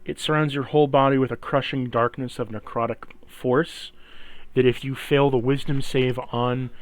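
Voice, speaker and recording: A man's voice: mid-range voice, flat delivery, moderate pace, rough recording. A man narrating a tabletop fantasy game as its game master, explaining events and rules to players.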